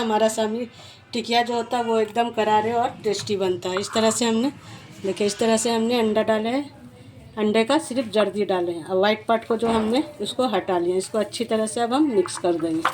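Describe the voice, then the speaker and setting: A woman's voice: fairly high pitch, fairly quick, darkish tone, slight background noise. A woman, hosting a home cooking demonstration in a homely, repetitive way, often restarting her words. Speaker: cooking channel host.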